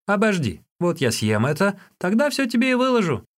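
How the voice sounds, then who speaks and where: A man voicing a cheeky young male street peddler who chatters in a high, excited voice. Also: a little fast.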